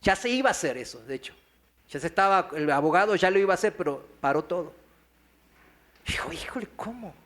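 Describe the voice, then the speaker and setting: Speaking quickly with frequent pauses, this man has a high, slightly bright voice full of lively intonation. He's a pastor in a church hall giving a testimony as a story, voicing the people he quotes and asking the congregation questions.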